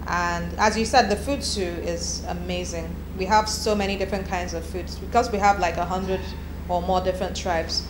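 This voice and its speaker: A woman from Nigeria, in her thirties and working as a copywriter, responds to interview questions at a moderate pace in a fairly low, steady voice. Her manner is candid and chatty, with restarts, and the room sounds echoey with background noise.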